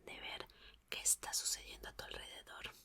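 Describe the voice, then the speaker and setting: Here a woman voices a curious, comforting young mechanic for ASMR, her words a gentle, breathy whisper. The delivery is a slow, calming murmur in which phrases come back again and again.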